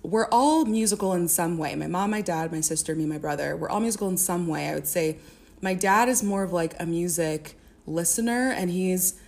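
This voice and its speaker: A woman's voice: fairly low pitch, moderate pace, gravelly, darkish tone. A young woman from the American Midwest, a singer and music therapist, chatting as a podcast guest with many fillers and restarts. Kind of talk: casual interview.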